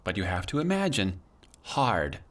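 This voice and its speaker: A man's voice: low voice, sing-song, normal speed, fairly bright tone, exaggerated voice. An actor playing a campy, motherly ghost mentor who calls others honey and sweetheart, in an audio drama. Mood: warm, coaching.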